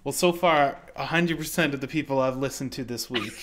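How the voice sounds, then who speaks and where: A man's voice: medium pitch, a little fast, heavy background noise. Joking man co-hosting an art stream. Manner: joking, rambling, self-correcting. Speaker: art critique stream co-host. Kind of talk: casual online stream chat.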